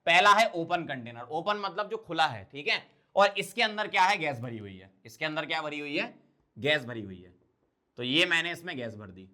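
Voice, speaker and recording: A male chemistry teacher gives a board lecture in a bright, forceful voice that sits a little high for a man. He keeps asking the class questions and answers them himself. He moves easily between everyday speech and English technical terms. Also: big pitch swings, moderate pace. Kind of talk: blackboard lecture.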